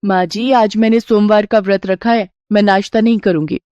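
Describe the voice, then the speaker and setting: Woman voicing a bright, eager young daughter-in-law. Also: mid-range voice, moderate pace, clear, resonant tone, dry recording, highs cut off, natural voice. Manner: bright, excited, wondering. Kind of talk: storybook character voice.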